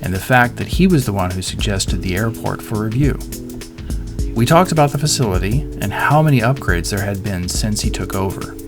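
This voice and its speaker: With music playing under the narration, a middle-aged man voices a pilot giving a scripted airport review. He speaks fairly quickly in a lowish voice with lively intonation.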